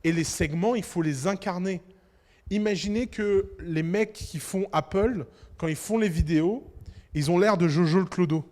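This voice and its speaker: A man giving a business lecture to entrepreneurs, talking in an animated, provocative way and addressing the audience directly. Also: sits high, normal speed. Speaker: business conference speaker. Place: conference hall. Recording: reverberant conference hall.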